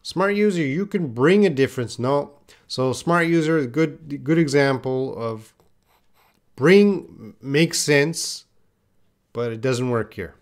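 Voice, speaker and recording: In a live online English lesson, this man patiently reads out what viewers have answered and corrects them, repeating example phrases. His voice sits at medium pitch and is expressive, and he talks slowly.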